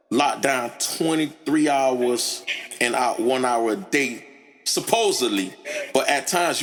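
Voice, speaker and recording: A man hosting a podcast, asking deliberate, probing interview questions. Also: mid-range voice, a bit bright. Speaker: podcast host. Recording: reverberant with faint noise.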